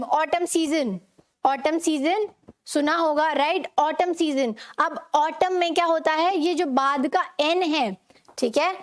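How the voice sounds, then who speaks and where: A young woman with an Indian accent teaching English pronunciation in an online lesson. She mixes Hindi and English, asks her learners questions and then repeats the answer. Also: high voice.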